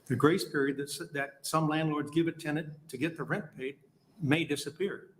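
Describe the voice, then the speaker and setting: A man's voice: on the high side, steady tone, moderate pace. A man giving prepared testimony as a landlord at a public hearing, firm and reading from a statement.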